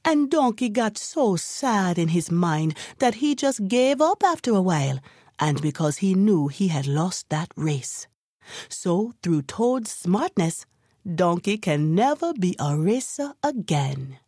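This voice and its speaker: A woman narrates a folktale in a lively, sing-song voice. Her pitch rises and falls freely. The recording is close and dry. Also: slow, dry recording. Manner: lively, expressive storytelling. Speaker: storyteller.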